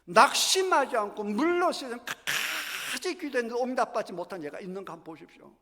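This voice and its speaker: A man's voice: extremely high pitch, animated, fast talker, vocal fry, pushed and bright. A middle-aged male pastor preaching a sermon emphatically in a church sanctuary, acting out scripture scenes with drama. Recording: echoey church hall.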